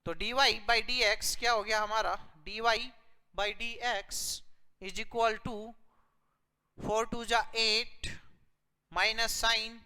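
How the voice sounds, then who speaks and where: A woman teaches a math lesson step by step in a slightly high voice. She explains slowly, asking herself questions and answering them. The sound rings with long reverb. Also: steady tone, bright, forceful tone, clean tone. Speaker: physics teacher.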